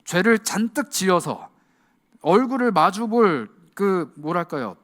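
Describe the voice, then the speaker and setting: A male youth pastor delivering an impassioned sermon, shifting to a hush at key words and acting out quoted lines. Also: sits high, very animated, measured pace.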